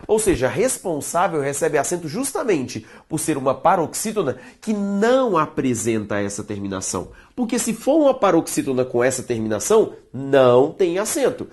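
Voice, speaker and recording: A woman with a Brazilian Portuguese accent teaching a grammar lesson, stressing key words slowly and speaking straight to her viewers. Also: deep voice, a little mellow, husky. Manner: emphatic, drawn-out stressed words, addresses viewers directly.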